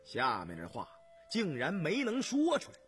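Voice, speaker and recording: A man narrating a novel on the radio in a measured, expressive storytelling manner. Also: a little high, soft background music. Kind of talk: dramatic novel reading on radio.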